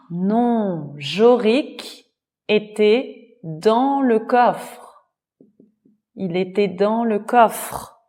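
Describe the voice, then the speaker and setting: Very slow-reading woman storyteller. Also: medium pitch, darkish tone. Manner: repeats and rephrases each phrase simply. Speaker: storyteller and language teacher. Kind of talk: slow story narration for learners.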